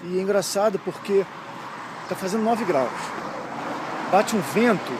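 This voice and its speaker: A man's voice: high voice, expressive, unhurried, background noise. A young man from Brazil, chatting casually and slangily while walking outdoors as a travel vlogger, easily amazed. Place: outdoors on a town street.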